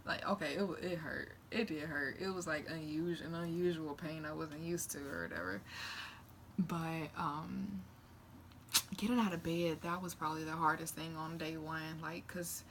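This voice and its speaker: A woman's voice: low voice, normal speed. A young woman vlogging in a casual, candid, rambling chat to camera. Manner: candid, rambling, animated retelling with acted-out quotes. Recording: noticeable background noise.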